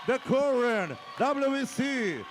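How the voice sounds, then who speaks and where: Male ring announcer, bilingual English, high voice, lucha-libre showmanship, elongated names. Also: expressive, slow pace, crowd noise, noisy background. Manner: showy, stretches out names and titles.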